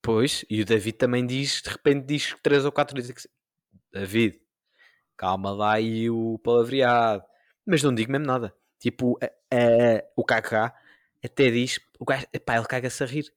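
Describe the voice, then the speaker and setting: Animated young Portuguese man, dry sound. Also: medium pitch, a little fast, dry recording. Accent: European Portuguese. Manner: animated storytelling, mimics voices, rising into outbursts. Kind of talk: casual chat.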